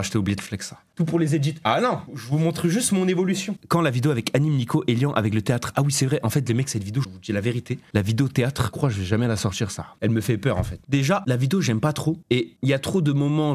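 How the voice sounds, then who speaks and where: A man in his twenties chatting casually on a live stream, bantering with his chat in quick slang. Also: mid-range voice.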